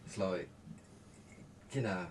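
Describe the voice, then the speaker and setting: A band member chatting in a radio interview, rambling with lots of fillers. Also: male voice, sits low, takes it slowly. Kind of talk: casual interview chat. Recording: distant mic with noisy room.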